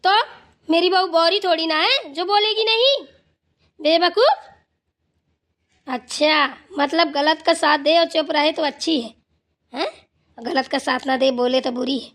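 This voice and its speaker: A woman's voice: extremely high pitch, a little slow, long pauses, fairly bright tone. A woman voicing a stern, wise old grandmother in a cartoon who scolds and lectures the family. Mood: scolding. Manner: scolding, then lecturing with advice. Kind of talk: cartoon voice acting.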